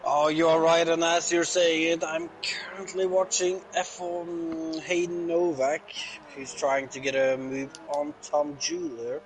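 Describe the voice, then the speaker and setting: A man's voice: on the high side, little pitch movement, unhurried. A man co-commentating live on a sim racing event. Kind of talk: live esports race commentary. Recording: clear background noise.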